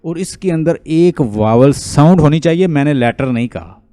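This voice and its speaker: A man from Pakistan with a Pakistani accent, an Urdu native speaker, teaching an online English lecture, explaining and quizzing students and repeating words slowly. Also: a little high, expressive, dark tone. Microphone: online class call.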